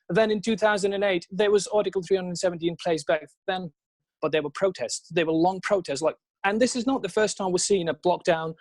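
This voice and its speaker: A man's voice: sits high, no room sound. A man in his thirties with a Kashmiri accent, giving emphatic, spontaneous interview answers that build through lists and questions. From Srinagar, Kashmir. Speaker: interview guest.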